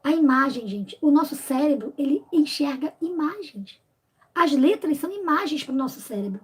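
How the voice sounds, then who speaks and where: A woman in her fifties from Brazil, a literacy teacher explaining lessons and sounding out syllables slowly and emphatically. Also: high voice, expressive. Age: 50s.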